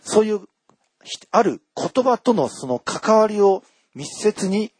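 A man preaching a sermon, emphatic and drawn out, often pausing on short tag words. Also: high-pitched, expressive, darkish tone, slightly rough, no room sound. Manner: emphatic, drawn-out phrasing with frequent tag particles.

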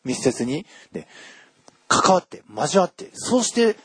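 A man preaching a sermon, emphatic and drawn out, often pausing on short tag words. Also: fairly high pitch, sing-song, husky, no room sound. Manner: emphatic, drawn-out phrasing with frequent tag particles.

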